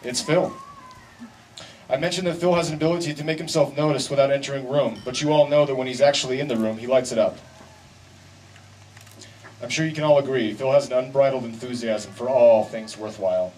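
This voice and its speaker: A man delivering a best man's wedding speech in a wry, deliberate way with pauses for effect. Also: mid-range voice, a little mellow. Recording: distant mic, noisy live event ambience.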